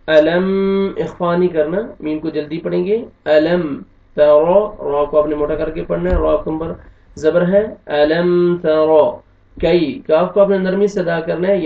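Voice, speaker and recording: A man with a Pakistani Urdu accent teaching Quran recitation, spelling out syllables and then chanting the verses slowly between brisk explanations. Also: on the high side, fairly even intonation, gravelly. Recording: dull lo-fi room echo from a distance.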